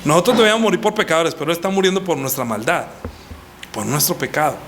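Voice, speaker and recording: A man teaching a baptism class as a pastor, animated, reading scripture aloud and voicing quoted lines. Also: fast, a little hiss or hum. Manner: animated, rises high for quoted voices, reads scripture aloud. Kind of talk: teaching sermon.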